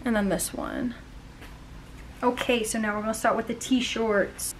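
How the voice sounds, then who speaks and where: A woman's voice: on the high side, fairly even intonation, unhurried, slight background noise, low-quality recording. A young woman with a bubbly, gushing sorority-girl manner, chatting casually for a vlog. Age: young adult. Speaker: vlogger, college sorority member.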